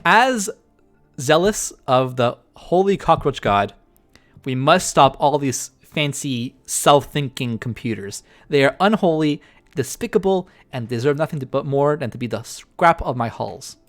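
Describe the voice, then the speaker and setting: A man's voice: medium pitch, expressive, a little slow, a bit bright. A man voicing a fanatical male zealot of a cockroach god, preaching grandly in a game role-play. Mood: zealous.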